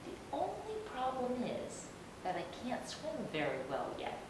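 A woman's voice: wildly swooping pitch, a little slow. A woman voicing a shy, polite young male polar bear while reading a picture book to young children. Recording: roomy, distant microphone, rumbling background noise.

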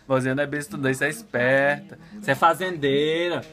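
A man's voice: fairly high pitch, fairly even intonation, fast, a bit bright, faint music behind. A man teasing and haggling playfully in bantering home-video talk.

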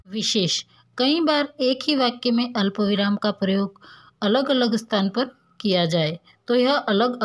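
एक शिक्षिका बच्चों को पाठ पढ़ाती है, खुद सवाल पूछकर खुद ही जवाब देती है।. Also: female voice, fairly high pitch. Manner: asks questions and answers them herself, explaining patiently. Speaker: school teacher. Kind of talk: recorded classroom lesson.

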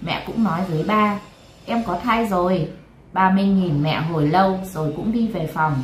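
A woman host narrating late-night stories in a calm, even reading voice. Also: fairly low pitch, moderate pace. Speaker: storyteller host. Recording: roomy echo, faint noise.

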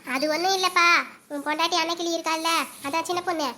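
A very high, bright, quick voice belongs to a fussy village mother-in-law, played by a woman. She nags and dotes in the same breath, in a homemade comedy skit. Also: steady tone, slight background noise. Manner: scolding, then fussing over her daughter-in-law.

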